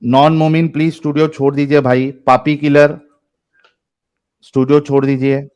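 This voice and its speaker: A man's voice: fairly high pitch, level tone, darkish tone, clear, resonant tone. A man from India hosting a live online debate, bossy and mocking as he questions callers. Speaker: debate host.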